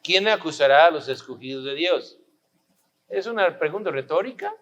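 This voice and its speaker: A man's voice: a little high, expressive, moderate pace, a bit bright. A pastor preaching a sermon, pressing his listeners with rhetorical questions and repeating his points for emphasis.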